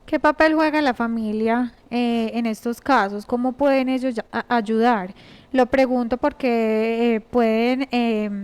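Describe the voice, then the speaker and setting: Woman host, clear resonant voice a touch high, hesitant questioner. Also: a little mellow. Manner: hesitant, many "eh" fillers. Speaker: interviewer. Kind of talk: interview questions.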